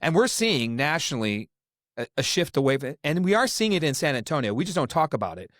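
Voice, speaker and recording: Recorded cleanly in the studio with no room sound, this podcast host has a fairly bright, high-leaning voice and talks fairly quickly with great animation. His casual political talk is opinionated and rambling, and he restarts sentences a lot.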